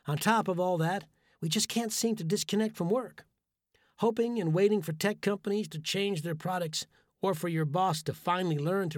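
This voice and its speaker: A man's voice: a little high, no echo. Man narrating an essay in a dry studio. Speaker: audiobook narrator. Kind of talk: scripted narration.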